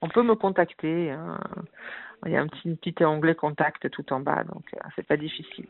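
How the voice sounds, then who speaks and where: A woman's voice: low-pitched, brisk, gravelly. A woman talking on a radio show about books by phone, chatty, with many fillers and restarts. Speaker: book reviewer and blogger. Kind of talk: casual radio chat on the phone. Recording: phone-line sound.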